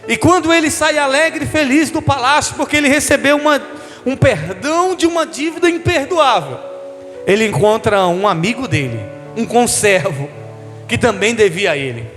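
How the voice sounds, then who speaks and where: A man's voice: extremely high pitch, expressive, normal speed, a bit bright, in a large hall, soft background music. A man, a bishop, preaching a sermon, calling the congregation "querido" and leading them in call-and-response. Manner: addresses listeners as "querido", leads call-and-response.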